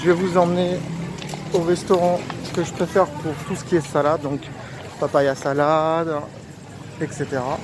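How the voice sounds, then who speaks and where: High-voiced man talking through a face mask. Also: flat delivery, moderate pace. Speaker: vlogger, street food guide. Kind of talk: casual walking tour narration. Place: outdoors at a busy street market and station. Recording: outdoor street recording with clear traffic noise. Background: urban street noise, vehicles.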